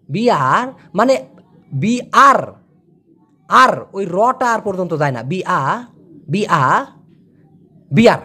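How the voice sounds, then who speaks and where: A woman teaching a casual language lesson. Her voice sits fairly high and swings widely up and down as she says each word slowly several times over for the listener to copy. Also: a bit bright. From Bangladesh. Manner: slowly repeats words as pronunciation drills.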